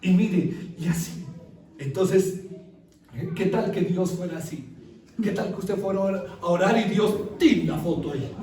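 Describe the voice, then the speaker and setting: High-voiced pastor in an echoey church. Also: male voice, a little slow. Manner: animated storyteller, audience laughing along. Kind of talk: sermon with humorous personal anecdote. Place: church hall. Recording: echoey church from far off with congregation.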